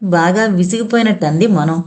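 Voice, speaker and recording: A woman's voice: fairly low pitch, fairly quick, a little mellow. A woman reading a science fiction audio novel aloud as narrator, giving the characters' lines a light change of voice. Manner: reads all characters herself, quoted lines lightly voiced.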